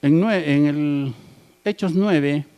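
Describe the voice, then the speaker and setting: Preaching slowly, a pastor with a fairly high yet dark and clean voice asks his congregation rhetorical questions. He punctuates what he says with "¿verdad?" and "amén", meaning "right?" and "amen."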